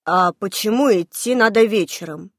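A woman's voice: medium pitch, normal speed, fairly bright tone, dry recording, clean studio sound. A woman voicing a simple, obliging male peasant servant who speaks plainly and deferentially. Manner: plain, deferential, folksy speech.

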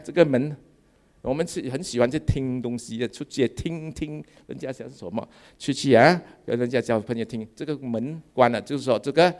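Lively, animated pastor in his fifties. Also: fairly high pitch. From Malaysia. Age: 50s. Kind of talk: sermon.

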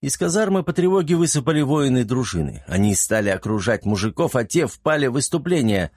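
A man narrating a fantasy audiobook in a brisk, vivid storytelling manner. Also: medium pitch, very animated, darkish tone, breathy edge, dry recording, studio quality.

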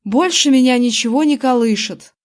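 A woman's voice: high voice, normal speed, close to an everyday voice. A woman reading aloud, voicing a brash, boastful young boy who brags and whines, in a slightly raised voice. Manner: whiny, then swaggering and bragging. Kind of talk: audiobook character reading.

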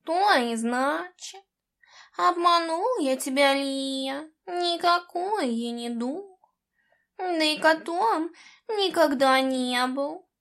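A woman voicing a proud, grumbling male cat spirit who drawls his words slowly. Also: high-pitched, expressive, vocal fry, sharp tone, heavily acted. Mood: confessing.

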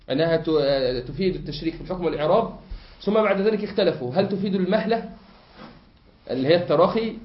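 A man with an Egyptian Arabic accent teaching a classroom lesson, explaining a text patiently and quizzing his listeners with fill-in questions. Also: on the high side. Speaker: sheikh teaching a grammar text. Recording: echoey room, muffled lo-fi sound.

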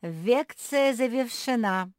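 A woman voicing an absent-minded old male bulldog professor who swaps r and l for v, speaking slowly and loudly. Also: fairly high pitch, animated, no echo, clean studio sound, pitched above the performer's own voice. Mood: cheerful. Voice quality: says "v" for r and l. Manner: slow, drawn-out, lecturing.

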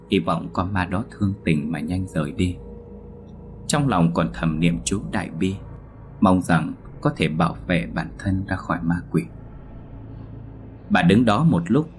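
A man narrating a ghost story in a slow, somber storytelling tone. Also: low-pitched.

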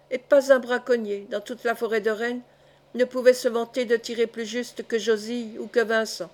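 A woman's voice: a little high, a little mellow. Woman reading a historical novel aloud. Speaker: audiobook reader. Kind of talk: scripted literary narration.

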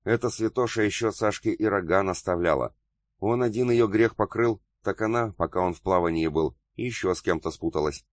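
A man's voice: lowish voice, normal speed, no room sound, clean studio sound, lightly acted. A man voicing a spiteful, mocking older woman in an audiobook, with a sneering delivery.

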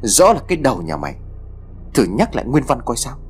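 A man's voice: mid-range voice, wildly swooping pitch, a little fast, soft background music. Siêu, a man doing an eager impatient boy. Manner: urgent, impatient pleading. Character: excitable eager teenage boy, pushy.

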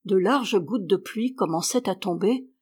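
A woman narrating a classic novel as an audiobook reader, lifting her voice higher and louder for the characters' lines. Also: unhurried, husky. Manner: voices characters by rising in pitch and volume.

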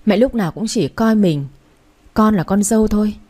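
A middle-aged mother with a sharp, pleading way of speaking, voiced by a woman narrator. The tone is warm-dark and a little breathy. It is a storybook reading. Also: medium pitch, normal speed, close to an everyday voice.

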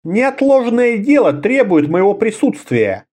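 A cunning bearded sorcerer, as a male narrator puts him on, speaking in a measured, commanding way. His voice sits raised and shifts a lot in pitch. It comes across as a read-aloud fantasy tale. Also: sing-song, a little mellow, heavily acted. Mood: cool.

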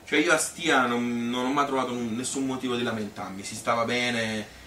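A male actor, lightly acting, plays a chatty Tuscan man wistfully reminiscing about his youth in a colloquial, rambling stage monologue that sounds spontaneous, full of repetitions and appeals for agreement. His mid-range voice is bright and forceful, with fairly even intonation at a normal speed, recorded with a distant mic in an echoey room with faint noise.

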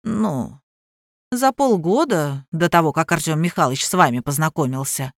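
Stolid driver, calm and plain, low lowered voice, as a woman reader puts him on; dry sound. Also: no room sound. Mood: wry. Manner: unhurried, matter-of-fact, colloquial. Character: stolid male chauffeur, calm and plain-spoken. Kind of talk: audiobook character voice.

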